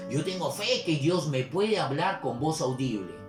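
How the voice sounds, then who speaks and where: A man's voice: a little high, sing-song, a little slow. A male preacher voicing an insistent woman churchgoer who is sure of her faith, in an echoey room with faint music. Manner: insistent, self-assured.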